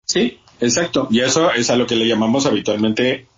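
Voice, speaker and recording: Podcast host, male, methodical casual explainer, mid pitch, slightly dull audio. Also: normal speed. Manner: explains step by step, acts out quoted dialogue.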